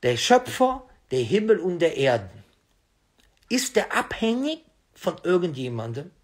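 A man's voice: a little high, big pitch swings, measured pace. A man giving an argumentative religious lecture as a preacher, insistent and full of rhetorical questions. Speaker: Islamic preacher.

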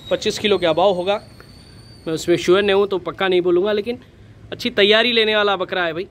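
A fairly high-pitched man shows a goat for sale in an outdoor pen, talking in a flat, even tone. He films on a handheld phone, and faint street noise runs underneath. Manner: flat, steady, repeatedly says "bhai". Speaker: goat farm seller. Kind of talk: casual sales walkthrough.

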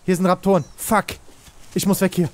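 Excitable high-voiced man gaming. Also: a little fast, noisy background. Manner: excitable, shouts and pleads in panic, youth slang. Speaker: let's play host.

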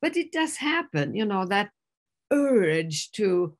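A woman addiction specialist giving a calm, conversational lecture, often slipping into quoted voices and using many "you know" fillers. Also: mid-range voice, slow. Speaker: addiction specialist presenting to a group.

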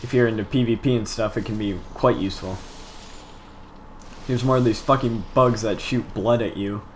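A man's voice: lowish voice, fairly even intonation, normal speed, slight background noise. A young man giving casual game walkthrough commentary, laid-back and swearing freely as he explains the route.

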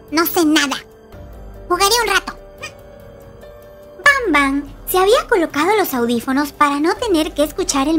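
A woman YouTuber narrating a game role-play story in an expressive storybook manner. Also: high voice.

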